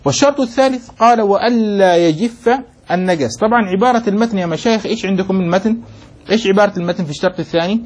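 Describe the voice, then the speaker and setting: Husky high-voiced man teaching a text. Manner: reads a passage, then explains it; keeps checking students follow with quick questions. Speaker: sheikh teaching Islamic jurisprudence. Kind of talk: classroom text commentary lesson.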